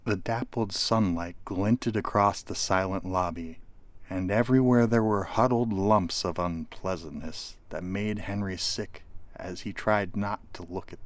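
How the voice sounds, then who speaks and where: A man reading a story aloud as dramatic audiobook narration, often dropping to a hushed near whisper. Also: on the low side.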